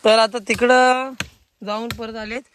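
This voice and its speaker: A man with a Konkan Marathi accent, filming a casual outdoor vlog on a phone and excitedly calling out to friends. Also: very high voice, measured pace. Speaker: vlogger. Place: outdoors in a village field. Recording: crowd noise outdoors. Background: crowd of villagers.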